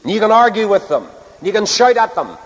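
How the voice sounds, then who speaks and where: A middle-aged man with a Northern Irish accent preaching a sermon earnestly, with rhetorical repetition and dramatic pauses. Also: high-pitched, very animated. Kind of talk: sermon to a congregation. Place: large hall or church, speaking to a live audience. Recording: long reverb of a large hall.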